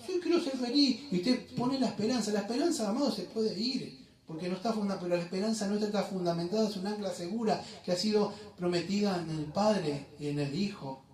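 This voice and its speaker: High-voiced male pastor preaching in echoey church. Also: a little mellow. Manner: emphatic preaching with rhetorical questions. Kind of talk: sermon. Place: church sanctuary. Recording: echoey church room from far off.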